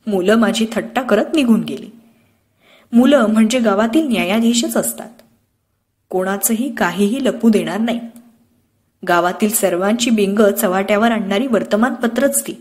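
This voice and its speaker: A woman narrating an audiobook with measured, expressive storytelling. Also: mid-range voice. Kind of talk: scripted narration of a classic novel.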